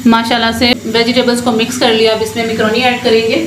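On her home cooking channel, a woman walks through every step in a chatty, instructive manner, often slipping in short blessings. She talks fast, with a somewhat high voice and flat delivery. The kitchen is echoey, and frying and stirring can be heard throughout.

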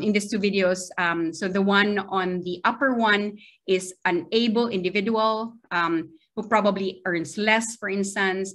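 A middle-aged woman lecturer from the Philippines presents a seminar remotely in a small video-call window, her Filipino accent clear. Her mid-range voice has a fairly bright tone, and she hesitates, often asking "right?".

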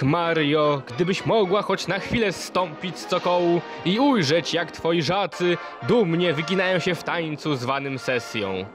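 A man delivers narration in the grand, declamatory style of an old newsreel voice-over, playing it up as a parody. His voice sits a little high and stays pompous throughout. Music plays clearly behind him.

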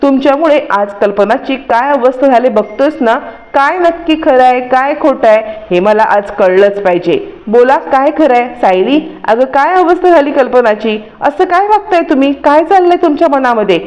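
A woman's voice: sits high, animated, moderate pace, darkish tone, pitched above the performer's own voice, rough recording. A woman doing a worried, demanding father. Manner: demanding questions.

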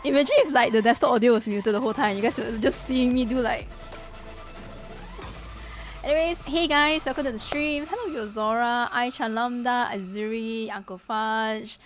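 This young woman streams games from a small room, speaking into the desk mic before her in a fairly high, slightly hoarse voice at a moderate pace. She's chatty, says hello to viewers, and leans on plenty of fillers while music plays in the background.

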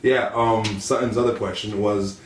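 A man's voice: fairly low pitch, steady tone, moderate pace, noisy background. Brief: man, easygoing panelist, wry asides, distant mic in an echoey room. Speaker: podcast panelist. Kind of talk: casual roundtable chat.

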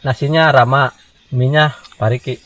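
An Indonesian vlogger in his thirties chats casually with viewers, calling them guys, while camping by a river in a forest. His medium-pitched voice is a bit bright, with fairly even intonation and a normal speed.

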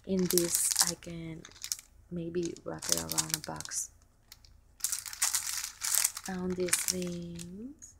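A woman talks slowly and softly through a craft haul, with a low voice and plenty of ums. Plastic packaging crinkles and rustles clearly behind her. She is recorded indoors at a table by a camera looking down at her hands. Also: little pitch movement, heavy background noise. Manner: soft, unhurried, fond, with many ums and small laughs. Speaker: crafting vlogger showing a shopping haul. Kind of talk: casual show-and-tell. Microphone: camera pointed down at table.

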